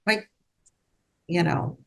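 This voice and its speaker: A middle-aged woman, a guest, telling a personal story in an earnest, halting way with restarts.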